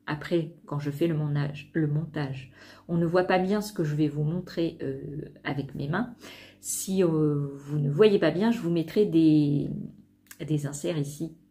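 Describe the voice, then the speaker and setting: A woman's voice: low-pitched, a little slow, dark tone. A woman vlogger talking casually to camera about sewing patterns, hesitant, with many fillers and restarts.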